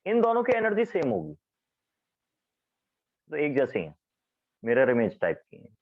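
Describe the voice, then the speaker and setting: Animated male chemistry teacher, tinny sound. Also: fairly high pitch, normal speed. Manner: lively, questions students often. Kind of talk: classroom lecture. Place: classroom.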